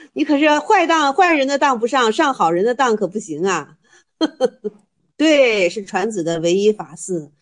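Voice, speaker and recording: Higher-pitched woman teaching Zen koans. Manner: teasing, rhetorical questions, storytelling. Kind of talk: explaining Buddhist koans to students.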